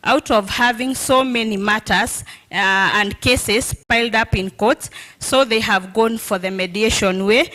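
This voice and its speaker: Bright, higher-pitched Kenyan woman presenting. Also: unhurried, low-quality recording. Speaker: presenter on mediation training. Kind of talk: explanatory presentation.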